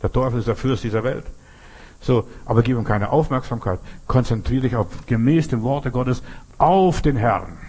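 A man's voice: medium pitch, normal speed, darkish tone, husky. A man preaching a sermon in an earnest, repetitive way, speaking straight to his listeners.

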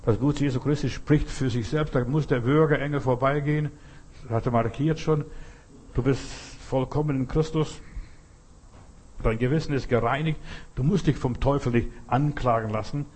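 A man preaching a sermon with a slightly husky voice. He talks directly to his listener, earnest and plain, hammering points home in short repeated phrases. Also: medium pitch, normal speed, a little mellow.

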